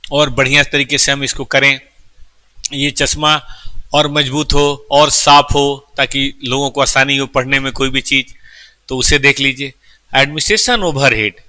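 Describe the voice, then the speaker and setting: A man teaches a lecture class in a very bright, keen voice, explaining each term step by step. He keeps asking his students questions and talks to them fondly. The sound is dry and close, with no room echo. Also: mid-range voice. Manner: affectionate, calls students "beta".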